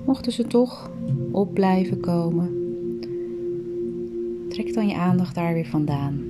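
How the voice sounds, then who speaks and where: A woman leads a guided meditation, speaking very slowly and gently, with her voice often sinking into a breathy whisper. Her pitch sits a little low, and loud meditative music plays behind her throughout. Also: expressive. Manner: slow, soft, soothing, often breathy whisper.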